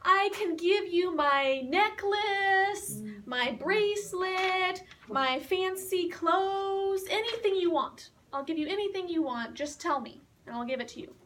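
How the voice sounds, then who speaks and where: A woman's voice: very high-pitched, expressive, unhurried, few pauses, a bit bright, full character voice. A woman voicing a young storybook princess who talks in an eager, pleading way. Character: young princess pleading for her lost ball. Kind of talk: storybook read-aloud for learners. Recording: distant mic with faint hiss.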